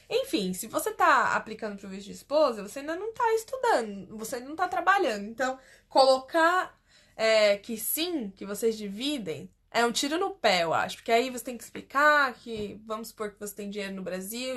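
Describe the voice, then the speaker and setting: Her voice runs on the high side and is a bit bright. A young Brazilian host with a Brazilian Portuguese accent, she talks casually on a phone livestream, walking viewers through a form one step at a time.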